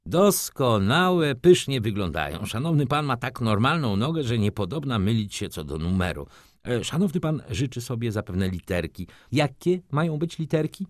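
A man's voice: mid-range voice, very animated, moderate pace, no room sound, studio quality, lightly acted. A man voicing a young foppish shop clerk who talks effusively and fawns over customers. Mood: fawning. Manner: effusive, obsequious salesman patter. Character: young foppish male shop clerk, fawning, fast-talking.

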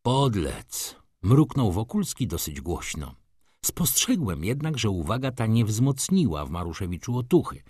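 Expressive male audiobook narrator. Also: on the low side, moderate pace, slightly rough, dry recording, clean studio sound. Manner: expressive, varied intonation.

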